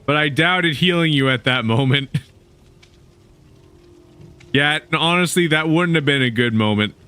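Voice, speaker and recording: A man's voice: on the high side, a little slow, bright, forceful tone, clean tone. A young man chatting casually with his viewers while streaming a game, laughing often as he talks. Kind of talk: casual gaming stream chat.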